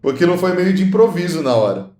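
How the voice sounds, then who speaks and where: In an echoey room, a podcast co-host talks casually about films, sharing movie trivia and tossing in playful asides. He has a high, sing-song voice with a darkish tone, and he talks fast.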